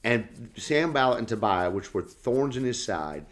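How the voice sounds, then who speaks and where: A man's voice: mid-range voice, expressive, measured pace. A man who is a senior pastor, talking earnestly and casually in a devotional chat. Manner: earnest, lesson-drawing talk.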